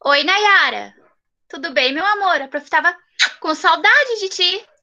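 A woman's voice: very high voice, expressive, a little slow, bright, forceful tone, muffled recording. A woman teaching a class of young children over a video call, affectionate and coaxing, stretching out syllables. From southern Brazil. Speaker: primary school teacher.

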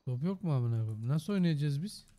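A man streams a game in a loud, joking, foul-mouthed way. His voice is mellow and dark, and a bit hoarse. He keeps up casual play-by-play commentary as he explores. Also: fairly high pitch, lively intonation, a little fast. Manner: loud, joking and heavily profane. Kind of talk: casual gaming livestream commentary.

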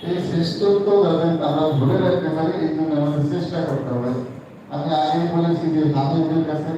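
A man's voice: fairly high pitch, steady tone, brisk, mellow, slight background noise. A middle-aged man giving an earnest, preacherly address to young students at an award ceremony. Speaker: speaker at a Quran memorization award ceremony. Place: large echoey event hall. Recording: echoey hall from far off.

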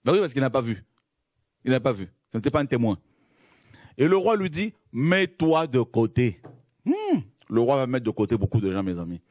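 A man's voice: mid-range voice, huge pitch swings, fairly quick, long pauses, a little mellow, no echo, clean studio sound. A man preaching a sermon, reading scripture and stressing key phrases by repeating them, calling his listeners friends.

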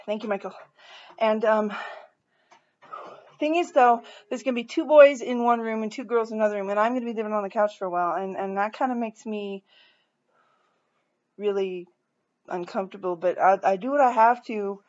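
A woman's voice: medium pitch, normal speed, pauses often, darkish tone, dull audio. A woman in her forties talking candidly and rambling in a casual vlog, tired and a little out of breath from moving house. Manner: rambling, candid, self-deprecating. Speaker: vlogger. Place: house being moved out of.

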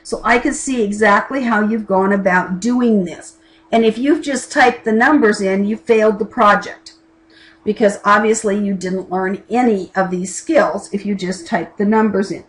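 This middle-aged college instructor gives a recorded class lesson by video from her home desk, with a keyboard and lamp and the camera overhead. She talks chattily and plainly, adding asides, at a moderate pace in a mid-range voice. Audio quality is poor.

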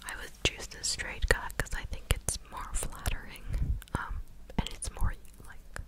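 Young woman whispering close to the ear. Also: unhurried. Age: 20s. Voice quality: breathy unvoiced whisper. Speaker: ASMR content creator. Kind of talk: whispered ASMR chat. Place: living room indoors. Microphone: large USB microphone very close to the mouth.

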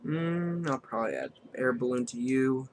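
A man at a mid-range pitch streams a card game live. He thinks his moves through aloud and counts up the damage number by number as he plays. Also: normal speed, a little hiss or hum. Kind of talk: live gameplay commentary.

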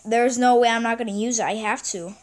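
A woman giving casual gameplay commentary, excitable and chatty, repeating exclamations and stumbling over words. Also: on the high side, fairly quick. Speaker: gaming channel host.

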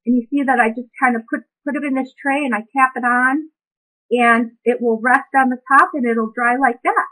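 A woman demonstrating a craft project, calmly talking through each step as she works and reflecting as she goes. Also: high-pitched, poor audio. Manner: calm, reflective, unhurried.

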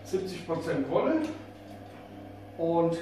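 Over music, a middle-aged vlogger from Germany gives a rambling review of outdoor gear in a slightly high, very animated voice, taking it slowly. He jokes around in an informal, colloquial way with mild swearing. The setting is an indoor concrete basement laundry room, captured by a camera mic a few steps off, giving an echoey room sound, a distant camera feel and background noise.

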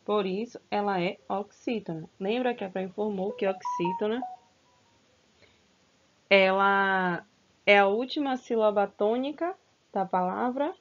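A woman's voice: mid-range voice, a little slow, a little hiss or hum. A woman teaching a recorded grammar lesson to children, stretching out words and coaxing them with questions. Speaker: school teacher. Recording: slightly dull, lo-fi sound.

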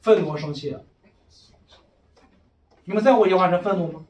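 A man's voice: sits high, fairly quick, a little mellow, lo-fi sound. A man leading a casual religious discussion as a preacher, emphatic and firing one rhetorical question after another. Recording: echoey room, far from mic.

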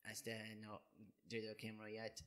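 A young man in his twenties answering interview questions in a halting, hesitant way, often restarting his sentences. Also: on the low side, completely flat delivery, a bit bright, clear, resonant tone. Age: 20s. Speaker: guest, job seeker.

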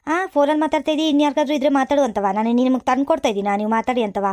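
A woman's voice: sits high, steady tone, rapid-fire, darkish tone, dry recording, natural voice. Woman playing a sulky city daughter-in-law. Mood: complaining. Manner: complaining, talking back. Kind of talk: village comedy skit.

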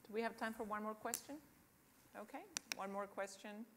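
A woman moderating a public event, briskly calling for the last question. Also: medium pitch, level tone, noisy background. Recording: hall reverb from a distance.

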